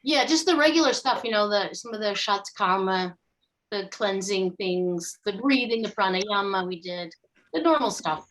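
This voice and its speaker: A woman's voice: mid-range voice, expressive, normal speed, a bit bright, slight background noise, rough recording. A woman from the United States, a yoga student, talking casually on a video call and searching for words with friendly hesitation. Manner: friendly, hesitant, many fillers while recalling. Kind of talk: casual conversation.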